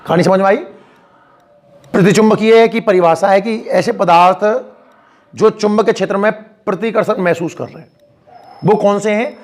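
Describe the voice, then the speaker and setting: A man's voice: high voice, normal speed, pauses often. A man teaching a physics lesson to students, often asking them questions and reassuring them as he explains from the board. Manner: addresses students directly with frequent questions and encouragement. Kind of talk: classroom physics lecture. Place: school classroom with a board.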